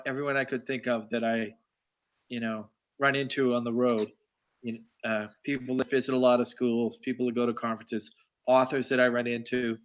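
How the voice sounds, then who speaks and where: A man's voice: mid-range voice, a bit bright. A man hosting a live video-call chat with an author, talking in a rambling, chatty way full of compliments. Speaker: host. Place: home in Boston.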